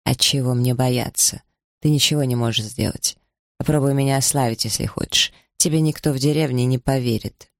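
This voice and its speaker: A man's voice: mid-range voice, brisk, no room sound, clean studio sound, close to an everyday voice. A man reading aloud, putting on the voice of a bold, scornful young village woman with a mocking, haughty manner.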